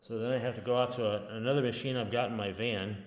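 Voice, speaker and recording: A man who works as a locksmith, giving a casual hands-on demonstration and thinking aloud in a relaxed, halting way while he works. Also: medium pitch. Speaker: locksmith demonstrating key making.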